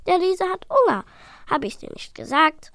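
A proud, boastful little boy dragon, as a woman voices him brags about being right in a storybook tale. He talks high-pitched and puffed up. The recording is dry and close. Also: animated, normal speed, creaky, no echo, exaggerated voice. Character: proud boy dragon, food-loving grower.

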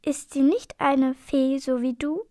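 A woman's voice: high-pitched, fairly even intonation, unhurried, mellow, no echo, studio quality. A woman voicing an eager male dragon.

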